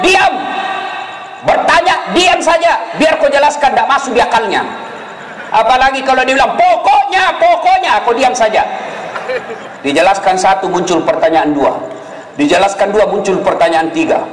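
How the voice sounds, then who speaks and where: High-voiced joking preacher in an echoey hall. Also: male voice. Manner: lively storytelling with voiced characters and jokes. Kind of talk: humorous sermon. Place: hall with live audience. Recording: echoey hall with faint noise.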